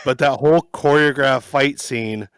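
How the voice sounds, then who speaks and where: A man's voice: mid-range voice, normal speed, a bit bright, smooth, no echo. A man guesting on a podcast, dryly and sarcastically recounting film scenes in casual chat.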